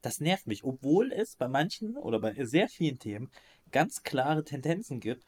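A man in a relaxed podcast chat, ranting with emphasis and street slang, stumbling and restarting as he goes. His voice sits at an ordinary middle pitch for a man. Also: normal speed. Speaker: podcast co-host. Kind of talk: casual chat.

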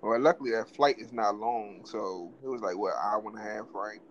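A man's voice: lowish voice, moderate pace, dull audio, a little hiss or hum. A man hosting a casual chat, asking short questions and laughing often. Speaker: host.

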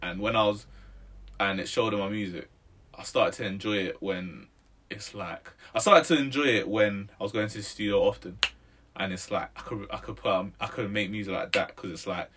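A musician in his twenties gives a casual interview in street slang with a London roadman accent, ending lines with "innit" and "bro." His voice sits on the low side with a steady, slightly bright tone at normal speed, and there's a little hiss or hum in the recording.

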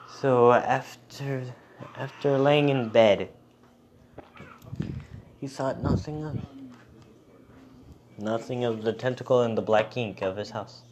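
A man telling an improvised horror story at a slow, unhurried pace. He stops and restarts his sentences often, and he drops into hushed whispers for the creepy parts. His voice sits at an ordinary middle pitch. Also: slight background noise.

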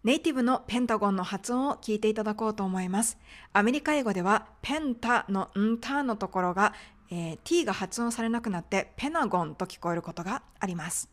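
A woman's voice: medium pitch, fairly quick. A woman teaching medical English pronunciation in a polite, explanatory podcast lesson.

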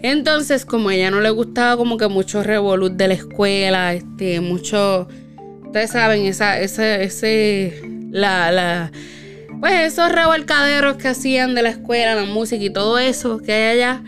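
A woman's voice: medium pitch, normal speed, over music. A woman casually telling a spooky personal story, with lots of fillers and tag questions.

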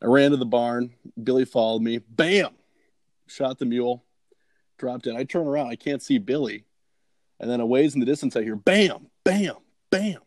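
A man's voice: medium pitch, steady tone, fairly quick, warm tone, dry recording. Rambling male storyteller, filler-heavy, dry studio sound. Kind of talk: casual chat, storytelling.

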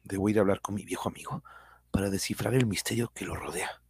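A man playing a solemn, brave hero of a mystery radio serial, with hushed, intense asides. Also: deep voice, fast talker, slightly rough, no echo, heavily acted. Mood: resolute. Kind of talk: radio drama acting.

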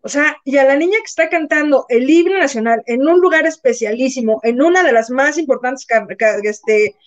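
A woman's voice: high-pitched, moderate pace. A Mexican woman hosting a casual gossip chat, telling stories with acted-out quotes and casual swearing. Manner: animated storyteller, acts out quotes, swears casually. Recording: slightly dull, lo-fi sound.

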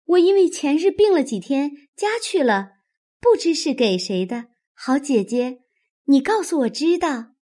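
A woman voicing a cheerful, chatty young maid with a quick, bright manner. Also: high voice, sing-song, voice pushed up.

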